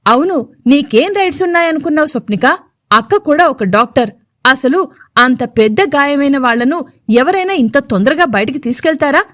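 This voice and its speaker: Rich: A hostile woman relative, as a narrator puts her on, firing loud accusations in a high, sharp voice. Dry, close recording. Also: expressive, normal speed, no room sound. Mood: indignant. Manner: shouting, accusing.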